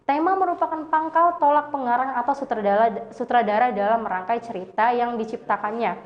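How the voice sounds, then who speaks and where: A woman's voice: fairly high pitch, a little fast, faint music behind. A woman reading a lesson aloud, with frequent slips and self-corrections. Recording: dull lo-fi recording.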